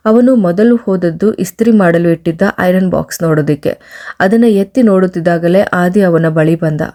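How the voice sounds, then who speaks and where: A woman storyteller reading a story aloud in a steady, even manner. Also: fairly low pitch, moderate pace. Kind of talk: scripted story narration.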